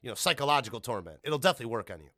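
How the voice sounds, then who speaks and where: Lively, profane man joking on a podcast. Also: medium pitch, rapid-fire. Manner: profane, joking, prone to excited gasps. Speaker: podcast co-host. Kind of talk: casual chat.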